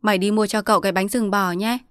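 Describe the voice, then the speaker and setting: A woman's voice: mid-range voice, steady tone, fast, a bit bright, no echo, clean studio sound, lightly acted. A woman narrating as a fretful, coaxing mistress. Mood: commanding. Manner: coaxing, bossy to servants. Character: district chief's wife, fretful indulgent mother.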